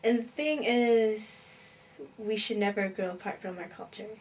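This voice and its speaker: Teen girl talking slow and thoughtful, sitting back from the mic. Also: mid-range voice, steady tone, far from the mic, a little hiss or hum. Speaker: interviewee. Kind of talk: personal testimony in a documentary interview.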